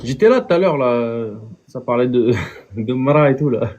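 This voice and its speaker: A man's voice: mid-range voice, animated, normal speed, a little mellow, highs cut off. A man chatting casually as a guest on a livestream, using French street slang.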